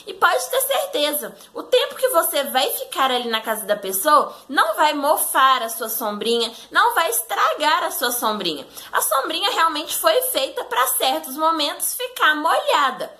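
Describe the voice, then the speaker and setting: A woman's voice: high voice, big pitch swings, moderate pace, hardly any pauses, pushed and bright. A woman with a Brazilian Portuguese accent giving etiquette advice in a chatty vlog, often turning to address her viewers directly. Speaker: etiquette vlogger. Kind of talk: casual advice talk to viewers.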